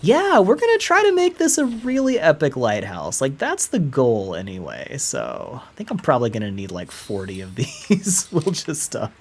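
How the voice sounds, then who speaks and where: A man live-streaming a game, chatting casually and upbeat, rambling with fillers and soft laughs. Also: mid-range voice, huge pitch swings, moderate pace, few pauses, husky. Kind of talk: casual live-stream chat while playing.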